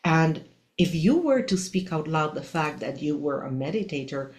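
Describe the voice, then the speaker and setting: A woman in her sixties with an Argentine Spanish accent hosts a podcast as a spiritual teacher and coach, her deep, slightly mellow voice very animated at a moderate pace. She delivers a reflective motivational monologue, earnest and emphatic, frequently posing rhetorical questions.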